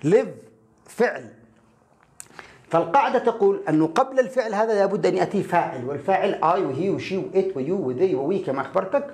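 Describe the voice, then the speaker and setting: A man teaching a lesson with an explanatory, animated delivery and frequent rhetorical questions. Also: high voice, fast talker. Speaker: English teacher. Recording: echoey room.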